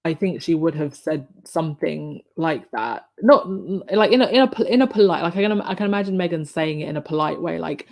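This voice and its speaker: In a casual live stream, a woman with a low, croaky voice chats and reads viewer comments, full of ums and restarts. She's expressive and a little fast, pausing rarely, with a darkish tone.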